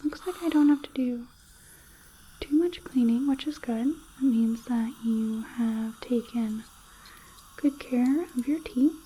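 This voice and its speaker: A woman whispering softly in an ASMR roleplay as a dental hygienist, slow and reassuring, often checking in with a gentle "okay?", close to the mic. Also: on the high side, a little hiss or hum, low-quality recording. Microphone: close sensitive mic.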